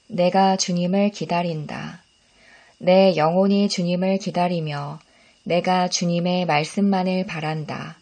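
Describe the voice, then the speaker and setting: Female scripture reader, lowish voice, calm and measured devotional delivery. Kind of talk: devotional Bible reading.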